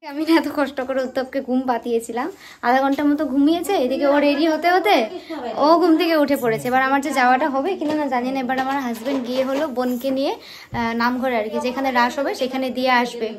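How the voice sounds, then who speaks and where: A woman's voice: quick pace, crowd noise. A young woman talking casually to her viewers in a home and festival vlog, chatty and direct. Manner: chatty, talks to viewers directly, lowers voice to near whisper while baby sleeps. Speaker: vlogger.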